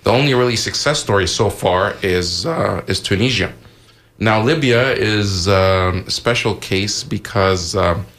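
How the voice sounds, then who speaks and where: A man's voice: fairly low pitch, unhurried, a bit bright. A man from Egypt co-hosting a live radio talk show in a studio, explaining events hesitantly with many fillers and restarts.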